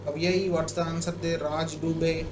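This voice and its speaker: A high-voiced man with an Indian accent teaches maths live online, talking through each step of a problem. He often repeats himself and checks that learners follow. The sound is echoey, with clear noise behind him. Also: little pitch movement, moderate pace. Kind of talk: live online lesson, working a problem aloud.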